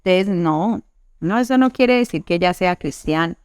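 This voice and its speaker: Earnest woman preaching, smooth dry voice. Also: lowish voice, lively intonation, normal speed, dry recording. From Colombia. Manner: earnest, acts out quoted church women. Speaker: youth pastor. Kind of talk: preaching to a youth meeting.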